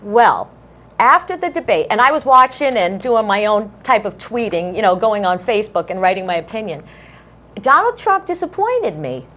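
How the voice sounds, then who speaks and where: A woman co-hosting a casual political talk show, animated and quick to laugh. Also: mid-range voice. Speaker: co-host.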